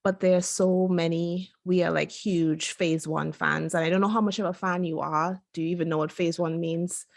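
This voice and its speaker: A woman from Trinidad and Tobago talks as a guest in a relaxed interview. Her voice sits low and has a gravelly fry to it. She chats easily, laughs often and fills pauses with "you know" and "um". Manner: chatty, laughs often, many fillers. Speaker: guest physician. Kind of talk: casual interview conversation.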